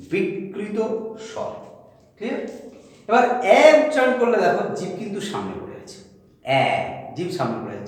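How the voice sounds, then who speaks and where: A man teaching a lesson on vowel sounds, repeating each sound slowly and checking again and again that his students follow. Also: high voice. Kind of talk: spoken grammar lesson on vowels. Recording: very echoey room with long reverb.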